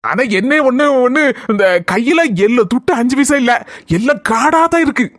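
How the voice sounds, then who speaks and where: A woman voicing a boastful, penniless husband in a comic cartoon, with a Kanyakumari Tamil accent and a teasing, smooth-talking manner. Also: fairly high pitch, expressive, moderate pace, heavy background noise, lightly acted. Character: boastful broke husband back from abroad.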